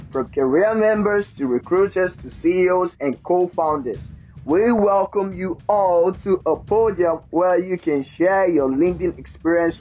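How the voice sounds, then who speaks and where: A man hosting a podcast, reading a scripted welcome and then asking questions effusively, often repeating words. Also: high voice. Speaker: podcast host. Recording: phone-like, roomy audio with faint music.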